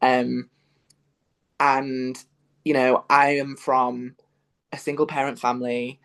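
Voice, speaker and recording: Speaking slowly in a smooth, fairly bright, medium-pitched voice, this young Yorkshireman delivers his words flatly. He is a musical theatre performer being interviewed casually, and his Northern English chat is full of restarts and fillers.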